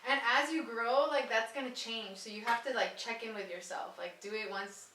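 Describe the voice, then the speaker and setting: A woman's voice: a little high, normal speed, bright, forceful tone. A woman guest in a casual chat, upbeat and encouraging, with casual speech. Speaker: guest friend. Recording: roomy and distant.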